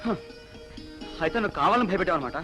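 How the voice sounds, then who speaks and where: A man's voice: high voice, lively intonation, racing. An actor playing a playful young man who teases his sweetheart, in film dialogue. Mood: teasing. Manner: teasing, playful, shouting warnings. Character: playful young man named Vijay, teasing lover. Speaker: film lead. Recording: film soundtrack with loud music.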